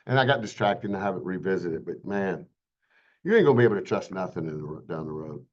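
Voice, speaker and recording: A man's voice: low voice, lively intonation, fast talker, lo-fi sound. A man teaching a real estate licensing class in a casual webinar, chatting and joking with his students in a folksy way.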